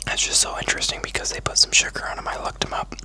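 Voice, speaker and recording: Whispering close to the mic, a food vlogger chats casually and without hurry for an ASMR mukbang video.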